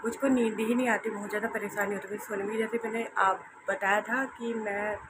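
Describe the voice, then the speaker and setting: A young woman narrating her day in a casual home vlog, hoarse and tired, rambling softly and repeating herself. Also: medium pitch, steady tone, a little fast. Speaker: vlogger. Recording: noisy home recording.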